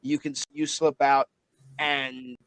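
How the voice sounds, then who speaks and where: A man narrating as game master of a tabletop game, halting and full of fillers. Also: mid-range voice, flat delivery, a bit bright.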